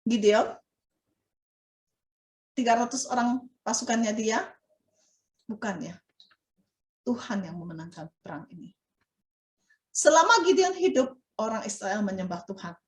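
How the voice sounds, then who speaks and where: A woman teaching Sunday school, telling a Bible story to children in an animated way and asking them questions. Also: fairly high pitch, reverberant. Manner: animated, asks children questions, dramatic exclamations.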